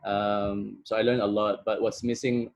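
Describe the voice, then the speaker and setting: A young man from Egypt talks through a webinar in a low, fairly flat voice. His delivery is relaxed and casual, full of "uh" and "like". It sounds like a computer mic on a video call. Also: normal speed, vocal fry, highs cut off. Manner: casual, many fillers like "uh" and "like". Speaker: product manager giving a webinar. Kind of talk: online presentation.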